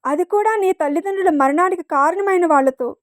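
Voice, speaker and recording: An anxious, loving mother, pleading and distressed, as a woman reader puts her on. The voice climbs high and stays dry and close, with no echo. It belongs to a storybook read aloud. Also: normal speed, darkish tone, natural voice.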